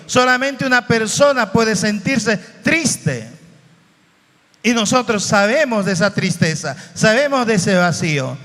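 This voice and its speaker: A man from Bolivia preaching a sermon slowly and emotionally, with dramatic shifts in his voice. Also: extremely high pitch, a bit bright. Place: church hall. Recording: reverberant hall.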